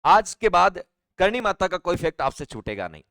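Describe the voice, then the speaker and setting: A man's voice: sits high, very animated, normal speed, creaky, fairly bright tone, no echo, clean studio sound. A male teacher giving a live online exam-prep class, chatty and repetitive, often asking his students questions. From Rajasthan, India.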